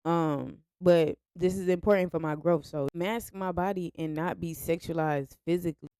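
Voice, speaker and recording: A woman's voice: lowish voice, fairly even intonation, moderate pace, mellow, smooth, dry recording, clean studio sound. A young woman speaking candidly to her viewers in a confessional vlog, frank and direct. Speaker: vlogger. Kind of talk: candid personal vlog monologue.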